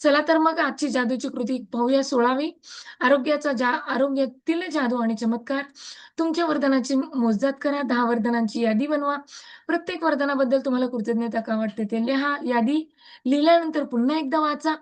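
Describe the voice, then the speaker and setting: A woman with a Marathi accent and a high, slightly fast voice leads a gratitude practice group over a video call, picked up by her laptop mic. Earnest throughout, she guides readings and affirmations, repeating her thanks in chant-like runs.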